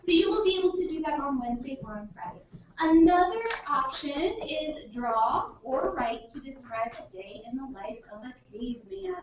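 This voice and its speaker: A woman's voice: high-pitched, animated, moderate pace, reverberant. A young woman teaching a class, questioning and encouraging her students, recorded from a distance in a classroom. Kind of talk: classroom lesson. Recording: dull, noisy classroom recording from afar.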